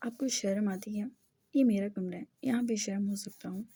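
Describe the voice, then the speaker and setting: A woman's voice: mid-range voice, moderate pace, husky. A woman voicing an irritated, stubborn young bride. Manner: sharp and irritated.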